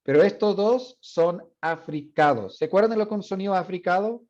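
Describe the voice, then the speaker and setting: Professor with a dark, dull-sounding voice. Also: male voice, high voice, moderate pace. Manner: explains step by step, asks the class questions, models sounds. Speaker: university Spanish professor. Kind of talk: classroom lecture on phonetics. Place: classroom. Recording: dull lo-fi classroom recording.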